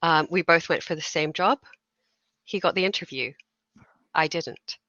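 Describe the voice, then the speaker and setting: A woman in her thirties, a game designer, telling her stories in an emotional, animated way with laughs. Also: deep voice, unhurried, no echo, lo-fi sound. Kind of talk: conversational interview.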